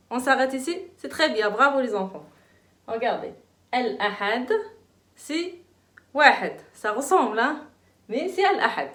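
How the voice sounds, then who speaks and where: A young woman, giving a children's lesson in a playful, animated, encouraging way. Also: fairly high pitch. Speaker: teacher. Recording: echoey room.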